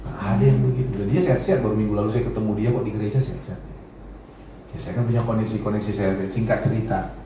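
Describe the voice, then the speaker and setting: A male pastor preaching a sermon in a relaxed, conversational way, with sudden swings up in pitch. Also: fast, noisy background. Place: large church hall. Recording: very echoey hall from far off.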